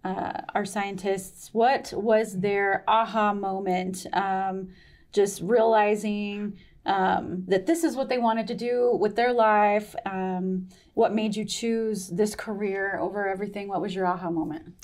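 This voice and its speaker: A woman's voice: mid-range voice, steady tone, unhurried, darkish tone. A woman hosting a podcast interview, asking questions in an upbeat way with frequent ums and light laughter. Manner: upbeat, laughs often, filler-heavy questions. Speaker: podcast host.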